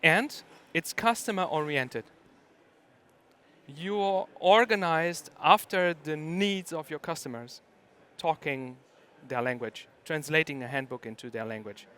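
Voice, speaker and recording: A man's voice: on the high side, measured pace, pushed and bright, smooth. A middle-aged man from Germany, giving a conference talk and hesitating often with ums and uhs. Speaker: conference speaker.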